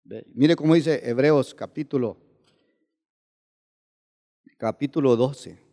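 A man's voice: medium pitch, takes it slowly, warm tone. Man preaching in an echoing hall. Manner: questioning the congregation with repeated tag questions. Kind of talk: sermon.

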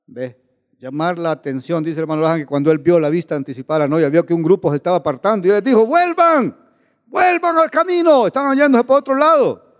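Male preacher, mid-high voice, keeps questioning the congregation, recorded in a reverberant church hall. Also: a little mellow. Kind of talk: sermon.

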